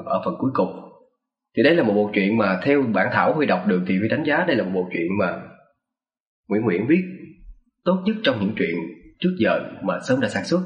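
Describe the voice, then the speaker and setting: A man hosting a story channel, speaking with a thick, husky voice stuffed up by a cold as he makes an announcement. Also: mid-range voice, echoey room. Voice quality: husky, thick, muffled congested voice. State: has a cold, stuffy and hoarse. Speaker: host and story narrator of a horror audio channel.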